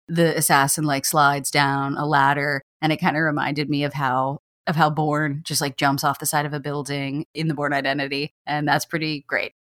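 A woman's voice: low-pitched, fairly bright tone, dry recording, clean studio sound. A woman hosting a film podcast, giving a casual, enthusiastic movie review full of chatty asides. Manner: enthusiastic, chatty, frequent "like" and "you know".

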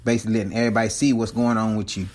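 A vlogger rambles about a movie, loose, chatty, profane, and often restarting, while slightly winded from climbing his townhome stairs with his phone in hand. His voice is fairly low, flat, rapid-fire, and a little mellow.

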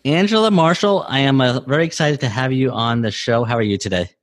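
A man's voice: mid-range voice, a little fast. A man with an American accent, hosting an interview podcast and introducing and questioning his guest. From New Jersey, US. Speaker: podcast host.

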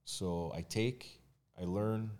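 A man with a very low voice talks things through in an easy podcast chat. He is candid and relaxed, and he often restarts his sentences and fills the gaps with "uh" and "you know.". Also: slow pace. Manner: candid, conversational, with frequent fillers and restarts. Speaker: mortgage agent and realtor guest. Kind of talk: casual podcast conversation.

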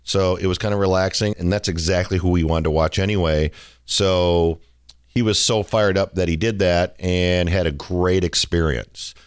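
A middle-aged man hosting a podcast, telling stories in a relaxed, joking way with plenty of fillers. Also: deep voice, moderate pace, clean tone, dry recording, studio quality. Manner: chatty, jokey storytelling with fillers. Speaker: podcast host. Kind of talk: casual podcast monologue.

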